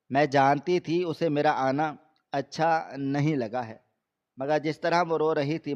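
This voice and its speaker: A man reading a scripted first-person story aloud in a steady, measured way. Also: mid-range voice. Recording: slightly dull lo-fi recording.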